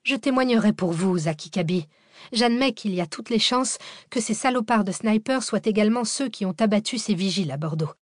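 A woman reading an audiobook, voicing a sharp-tongued, sarcastic young woman researcher. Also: medium pitch, lively intonation, a little fast, dry recording, studio quality, close to an everyday voice. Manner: sarcastic, biting. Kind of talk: audiobook character voice.

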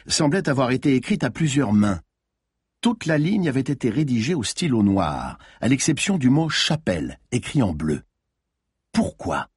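A man's voice: on the low side, slightly rough, no room sound, clean studio sound. A man reading a thriller audiobook aloud with tense, dramatic narration.

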